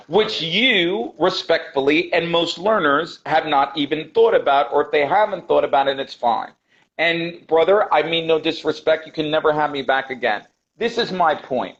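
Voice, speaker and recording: Higher-pitched emphatic man on a dull call. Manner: emphatic, deliberate, repeats himself for stress. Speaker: guest English teacher. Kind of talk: explanatory interview talk. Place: remote call.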